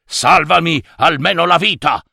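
A man's voice: on the high side, lively intonation, measured pace, creaky, pushed and bright, no echo, studio quality, voice pushed up, full character voice. A man doing a wailing, theatrical wizard. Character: blustering wizard who turns cowardly.

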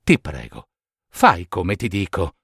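A man voicing a sad, kind prince in a storybook, speaking softly and sorrowfully. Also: mid-range voice, big pitch swings, slow, no echo, studio quality. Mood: pleading. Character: sad, kind statue prince, gentle and giving.

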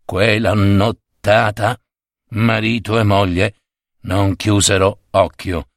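A man telling a folk tale aloud in a slow, expressive storytelling voice. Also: fairly low pitch, no room sound, clean studio sound.

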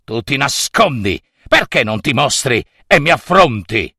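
A man voicing a furious river god, a wrathful father who booms and shouts accusations. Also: sing-song, measured pace, creaky, husky, dry recording, studio quality, full character voice.

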